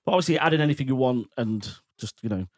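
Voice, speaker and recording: Male podcast host, medium pitch, friendly and chatty, leans on fillers. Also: lively intonation, quick pace. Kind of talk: casual chat.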